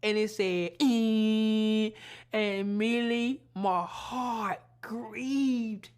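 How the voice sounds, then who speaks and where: A woman's voice: mid-range voice, slow pace. Tearful woman preaching a vision testimony. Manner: pleading, crying out, swinging from hushed to shouting. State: in tears. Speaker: ministry preacher.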